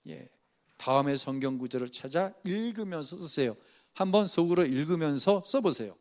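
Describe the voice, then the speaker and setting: A man with a fairly high voice leads a church study. He tells a story in an easy conversational way and speaks straight to the congregation, asking them to write along with him. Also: lively intonation, moderate pace. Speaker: pastor. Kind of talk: afternoon church study sermon. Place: church sanctuary.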